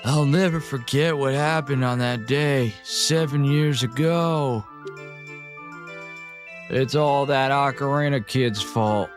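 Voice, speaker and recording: A man voicing a grumpy, drawling male windmill keeper from a video game, in a slow stoner-style voice. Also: mid-range voice, over music, lightly acted. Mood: grudging.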